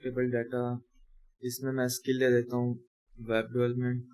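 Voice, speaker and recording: Man, coding tutorial, narrates each step, corrects slips, medium pitch. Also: monotone, moderate pace, a little mellow. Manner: talks through each step while typing, self-correcting. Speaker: coding teacher. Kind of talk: screen-recorded coding tutorial.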